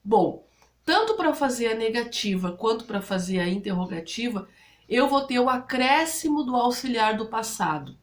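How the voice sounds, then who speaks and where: A woman's voice: on the high side, lively intonation, normal speed. A woman speaking Brazilian Portuguese, explaining English grammar rules to students step by step and often checking in with her listeners. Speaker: English teacher.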